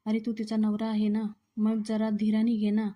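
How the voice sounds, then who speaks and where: A woman's voice: medium pitch, monotone, normal speed, dark tone, close to an everyday voice. A woman reading the lines of a worried middle-aged mother who scolds her son, in a plain pleading tone. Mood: scolding.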